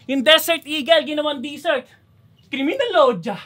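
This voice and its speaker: A man's voice: extremely high pitch, moderate pace, very noisy. A young man performing a battle rap verse, taunting his opponent with punchy, mocking delivery. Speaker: battle rapper.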